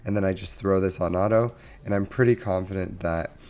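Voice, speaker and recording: Slightly low-voiced man sounding under the weather. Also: steady tone, brisk, darkish tone. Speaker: host of a gaming channel. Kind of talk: casual gameplay commentary. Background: music.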